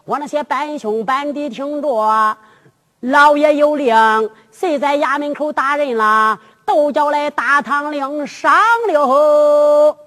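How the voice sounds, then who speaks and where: A drum-ballad storyteller playing a timid male clerk, meek and hushed. The voice stays bright beneath its softness, and the sound carries a long hall reverb. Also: high voice, fairly even intonation, takes it slowly. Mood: deferential.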